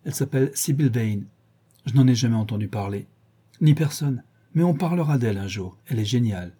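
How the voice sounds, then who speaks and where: Un homme lisant un jeune dandy sincère et épris. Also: male voice, mid-range voice, lively intonation, a little fast, warm tone, slightly rough. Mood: earnest. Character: earnest young dandy, handsome and smitten.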